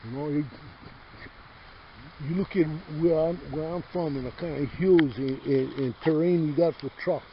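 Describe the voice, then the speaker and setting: A man's voice: a little high, normal speed. A middle-aged man from Hawaii's Big Island with a Hawaiian Pidgin accent, talking casually outdoors in his yard, rambling, swearing freely and calling the listener brother. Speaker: host. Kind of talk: casual chat. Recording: dull lo-fi sound with faint noise.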